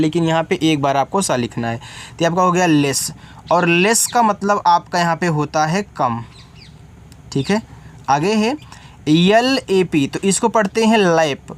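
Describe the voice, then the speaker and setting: A man teaching beginners to read English, spelling each word letter by letter and then explaining it, often checking whether the learner follows. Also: high-pitched.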